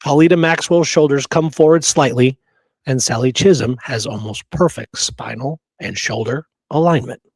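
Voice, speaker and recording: A co-host on a discussion show reads quotes aloud in a husky, medium-pitched voice at a moderate pace. He says "you know" a lot and keeps checking in with "okay?" and "right?", and the recording sounds dry.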